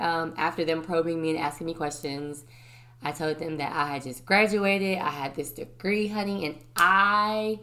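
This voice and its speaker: Low-voiced woman telling her story. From Virginia, US. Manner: chatty, animated, addresses listeners as honey and y'all. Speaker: podcast host. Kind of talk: storytelling podcast monologue.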